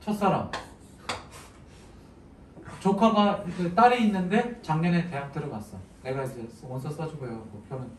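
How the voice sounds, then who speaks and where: A man with a fairly high voice gives a chatty, joking literature lesson and keeps asking his students questions. He sounds a little far from the mic in a roomy, echoing space. A clear noise runs behind him. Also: moderate pace, pauses often. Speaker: Korean literature teacher. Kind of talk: casual lecture to exam students. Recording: echoey room, mic at a distance, noisy.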